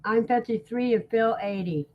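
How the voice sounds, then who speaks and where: A woman's voice: a little high, normal speed. A woman in her sixties hosting a casual livestream chat, folksy and talkative, reading out viewer comments and answering them. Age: 60s. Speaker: livestream host. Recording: dull lo-fi sound.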